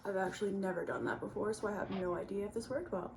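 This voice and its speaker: A woman's voice: medium pitch, fast, noisy background. A young woman vlogging casually at home, chatty and self-deprecating, laughing often. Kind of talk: casual food vlog chat. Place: indoors at home.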